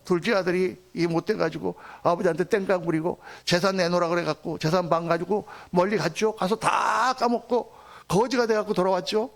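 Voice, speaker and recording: A man's voice: high-pitched, gravelly. A male pastor preaching an emphatic sermon in a church, often addressing the congregation directly and acting out quotes. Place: church sanctuary.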